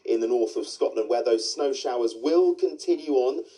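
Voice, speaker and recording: Man, TV weather presenter, mellow husky tone, relaxed forecast delivery. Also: mid-range voice, moderate pace, poor audio. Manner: steady, conversational forecasting with small restarts. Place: television studio.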